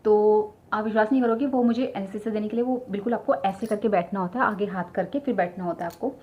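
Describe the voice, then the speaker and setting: A young woman vlogger tells her viewers the story of giving birth, chatting directly to them and using lots of filler words. Her voice is medium-pitched, mellow and steady, and she talks fast. The recording is slightly dull and lo-fi, with faint ambience in the background.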